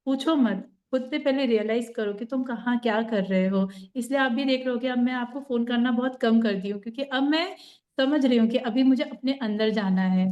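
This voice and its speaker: Woman, higher voice, reflective storyteller sharing on a group call. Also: darkish tone, lo-fi sound. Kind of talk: casual chat on a group call.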